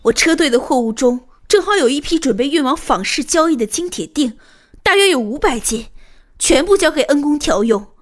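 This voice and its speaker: In an animated fantasy drama, a young adult woman voices a polite, humble merchant's daughter with formal, old-fashioned manners. Her high-pitched delivery moves fairly quickly and sounds earnest and grateful.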